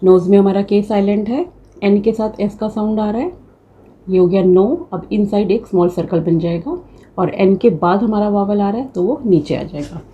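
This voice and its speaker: Female tutor, young, warm mellow tone, calm step-by-step lesson delivery. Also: mid-range voice, normal speed, muffled recording. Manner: patient step-by-step explaining, mixing English terms. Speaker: shorthand teacher. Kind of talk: classroom lecture.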